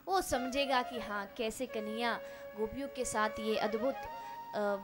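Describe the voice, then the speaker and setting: A woman giving a devotional discourse, telling stories in an animated way and acting out the characters. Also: a little high, a little slow, music in the background. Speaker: religious storyteller.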